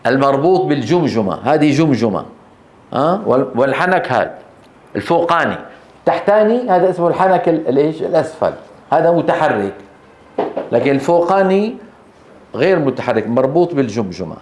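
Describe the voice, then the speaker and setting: A man gives a classroom lecture on Quran recitation, stretching out syllables to show how each letter sounds and pausing to ask if his students are following. His voice sits a little high for a man. The room around him is echoey. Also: a little mellow. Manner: drawn-out demonstration of letter sounds, frequently checking the class.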